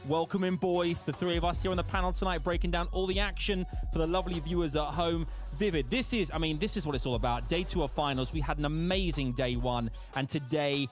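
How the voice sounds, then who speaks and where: A man's voice: fairly high pitch, fairly quick, faint music behind. A man hosting a live esports event, upbeat and playful with a hyped delivery.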